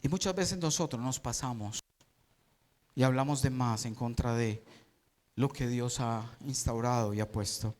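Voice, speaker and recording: A man's voice: mid-range voice, measured pace, darkish tone. A male pastor preaching a sermon, acting out scenes and asking the congregation dramatic questions. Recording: long hall reverb.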